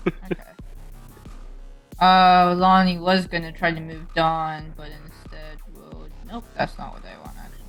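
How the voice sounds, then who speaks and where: A woman's voice: low voice, flat delivery, unhurried, creaky, fairly bright tone, rough recording. A woman chatting casually as a player in a tabletop game, thinking aloud in a tentative way. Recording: music behind the voice.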